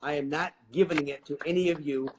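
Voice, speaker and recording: High-voiced man giving an emphatic pep talk. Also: steady tone, brisk, slight background noise. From Vietnam. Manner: emphatic and preachy, addresses listeners directly. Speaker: guest, real estate investor. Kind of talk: motivational interview talk.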